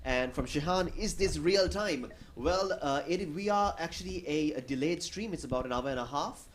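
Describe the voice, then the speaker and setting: A man's voice: on the high side, normal speed, a little hiss or hum. A man hosting a live stream, announcing questions and breaks, with frequent fillers. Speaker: stream host.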